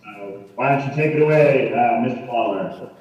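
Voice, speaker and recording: A man, a teacher, talking casually with his class over a video call in a relaxed, chatty way. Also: mid-range voice, moderate pace. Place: classroom, indoors. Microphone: computer mic in the room. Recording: dull, echoey video-call audio from far off.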